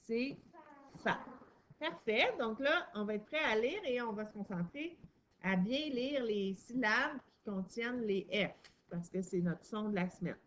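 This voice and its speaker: A woman's voice: on the high side, animated, measured pace, a bit bright, muffled recording, slight background noise. A woman teaching a young child to read, patient and encouraging, stressing each sound and syllable. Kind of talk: reading lesson for a young child.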